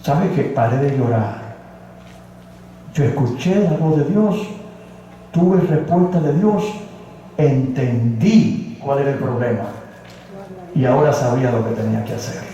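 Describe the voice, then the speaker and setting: A man's voice: medium pitch, expressive, a little slow, pauses often, warm tone, highs cut off, a little hiss or hum. A man preaching, telling his own conversion story in an earnest, emotional way, in a church. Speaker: pastor. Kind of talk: sermon, personal testimony. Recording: echoey hall, from a distance.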